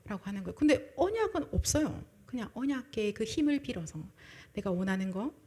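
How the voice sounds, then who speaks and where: Woman preacher, kinda husky, highish voice, goes soft then loud, acts out what people say. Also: animated, brisk. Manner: swings between loud emphasis and soft, breathy asides. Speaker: preacher at a young adults' service. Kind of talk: sermon.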